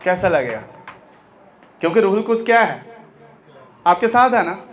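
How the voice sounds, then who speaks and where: A male pastor preaching a sermon with fervour, rising to shouts and dropping low, and acting out the voices of his congregation. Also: sing-song, moderate pace, a little hiss or hum.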